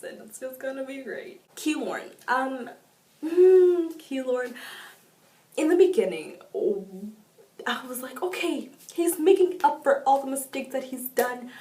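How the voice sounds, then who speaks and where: A woman reviewing a book in a casual vlog, gushing and excitable, with sudden jumps in pitch. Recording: echoey room, mic at a distance.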